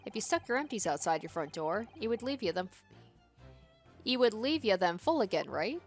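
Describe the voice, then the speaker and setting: Casting: female player as rough baddie for a game, cheeky, matey, slangy, lively swooping pitch over music. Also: normal speed. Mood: cheeky, chummy. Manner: slangy, matey street talk. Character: rough, cheeky working-class male crook, chummy and shifty. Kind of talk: video game character read-aloud.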